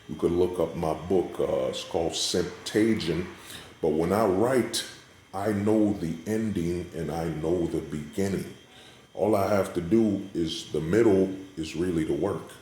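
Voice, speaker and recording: A man's voice: sits low, a little mellow. A man giving an unscripted, opinionated monologue in an emphatic way, often checking in with the listener, recorded in a hallway. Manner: emphatic, repetitive rhetorical check-ins with the listener. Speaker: vlogger giving commentary. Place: indoors in a hallway. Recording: echoey hallway, faint background noise.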